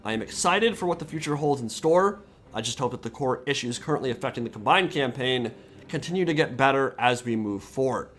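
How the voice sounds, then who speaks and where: Male gaming channel host, mid-pitched, measured and articulate scripted narration.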